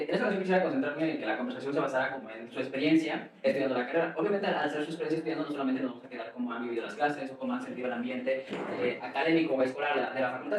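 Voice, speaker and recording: A man's voice: medium pitch, roomy sound, recorded from a distance, poor audio. A young man hosting a casual student podcast conversation, rambling with many fillers. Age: young adult. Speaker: host.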